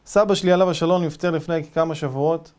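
A rabbi telling a dramatic story in an animated, lively way as a sermon. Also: male voice, fairly high pitch, clear, resonant tone.

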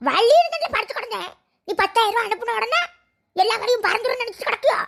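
A woman voicing a sharp-tongued old village mother in a cartoon, speaking in a scolding, sarcastic way. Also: very high voice, lively intonation, fast, gravelly, exaggerated voice.

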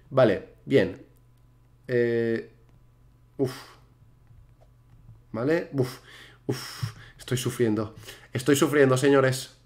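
A young man giving casual let's-play commentary as a gaming YouTuber. He is chatty and excitable, and he repeats words in rapid bursts. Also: a little high.

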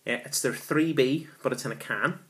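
In a small room at home, a man with a mid-range, slightly bright voice reviews a beer for a casual vlog, chatting enthusiastically at a normal speed and using lots of fillers. He films himself with a camera held at arm's length.

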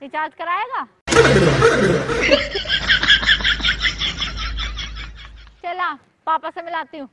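A woman's voice: very high voice, fairly quick, lo-fi sound, heavy background noise. A young woman playing a feisty village woman who scolds and commands in an outdoor comedy skit. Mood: bossy. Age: young adult. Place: outdoors in an open field.

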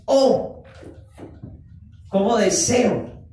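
High-voiced man preaching, very echoey. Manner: animated, acts out quoted voices, drawn-out emphatic phrases. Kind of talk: sermon. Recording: echoey room, voice from far off the mic.

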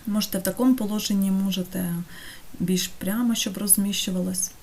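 A woman teaching an online course, talking through a screen-recorded software tutorial step by step and checking in with her students. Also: mid-range voice, fairly even intonation, fast talker. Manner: patient, step-by-step, checks in with "так?".

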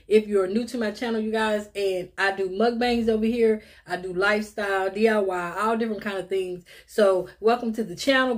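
Chatty woman eating on camera. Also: mid-range voice. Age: 50s. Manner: chatty, addresses viewers as y'all and little sis, eats between phrases. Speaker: mukbang vlogger. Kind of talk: casual eating vlog chat.

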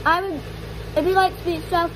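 A woman's voice: extremely high pitch, fairly even intonation, moderate pace. A woman vlogger talking casually while chewing cake, giving a frank food review with lots of fillers. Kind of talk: casual food-tasting chat. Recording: noisy background.

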